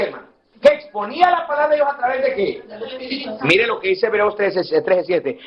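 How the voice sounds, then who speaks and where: A man preaching a sermon in a church with a very high, husky voice. He keeps calling the congregation "brother" and answers his own questions. The recording is dull and lo-fi. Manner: addresses listeners as "hermano" again and again; asks the congregation questions and answers them himself. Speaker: pastor.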